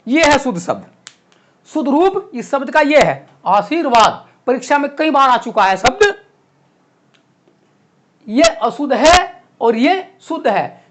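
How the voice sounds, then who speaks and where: Speaking at an extremely high pitch, a man teaches a lesson to exam students. He writes on a board while explaining and repeats words slowly and clearly.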